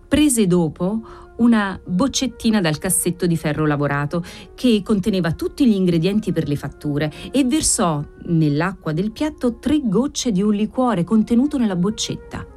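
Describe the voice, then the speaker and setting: A woman reading a literary novel aloud in a measured, expressive storytelling manner. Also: mid-range voice, soft background music. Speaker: audiobook reader. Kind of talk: literary narration.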